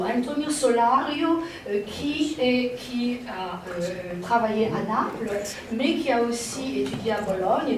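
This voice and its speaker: A fairly high-pitched woman lectures on art over slides, wandering through her points and pausing to find the right word. She sounds far from the microphone, in a heavily echoing room with a faint hiss. The delivery is that of an invited art historian. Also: darkish tone. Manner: digressive, searching for words.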